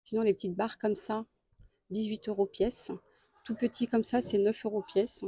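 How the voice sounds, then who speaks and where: A woman, a deal-hunting vlogger, walks through a store aisle and lists prices and sizes. She speaks in a chatty way and pauses often. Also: medium pitch, steady tone, mellow, breathy edge, no echo. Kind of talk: casual store walkthrough. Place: home improvement store aisle.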